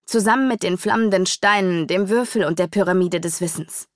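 A woman's voice: on the low side, fairly quick, no room sound, clean studio sound, close to an everyday voice. A woman reading an earnest council advisor explaining a plan in an audiobook.

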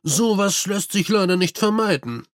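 A man's voice: sits high, expressive, normal speed, dry recording, clean studio sound. A man reading the lines of a harried army major in a storybook, speaking in short, exasperated questions.

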